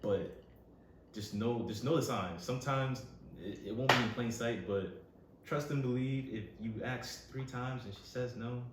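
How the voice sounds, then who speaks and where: A man's voice: mid-range voice, moderate pace. A young man co-hosting a podcast, telling stories in a laid-back, casual way. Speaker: podcast co-host. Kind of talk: casual chat. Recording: echoey room, distant mic, faint noise.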